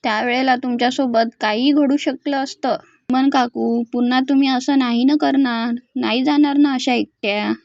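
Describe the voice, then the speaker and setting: A woman voicing a caring young woman who gently pleads with an older aunt. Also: high-pitched, steady tone, normal speed, dry recording, lo-fi sound. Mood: pleading.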